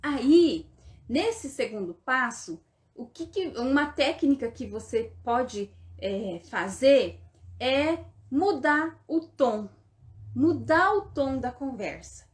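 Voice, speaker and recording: A woman's voice: high voice, animated, slow pace. A woman with a Brazilian Portuguese accent, a therapist giving casual coaching talk and checking in with her listener through constant short tag questions.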